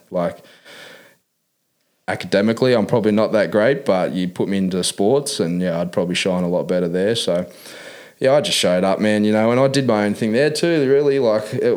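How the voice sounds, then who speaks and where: An Australian man being interviewed tells his life story in a casual way, using laid-back working-class Aussie slang full of "man" and "mate." His voice is lowish and a little mellow.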